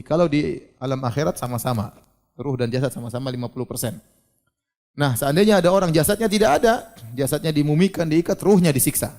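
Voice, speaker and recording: A man giving a religious lecture, animated and questioning, who asks his audience questions and acts out scenes. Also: on the high side. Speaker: preacher.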